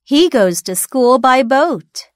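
A woman reading textbook dialogue answers for a listening test, slowly and carefully enunciated for learners. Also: high voice, expressive, no room sound, clean studio sound.

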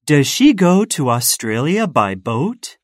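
A woman reading textbook dialogue questions for a listening test, slowly and carefully enunciated for learners. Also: low-pitched, sing-song, darkish tone, dry recording, studio quality.

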